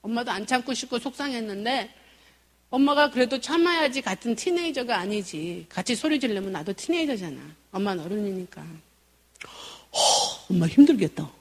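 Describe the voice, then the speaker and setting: A middle-aged woman leads a parenting seminar at church and tells family stories with vivid, expressive delivery. Her voice sits high and moves lively up and down. A long reverb from the church hall hangs behind her. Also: brisk. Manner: storytelling, expressive, acts out family dialogue.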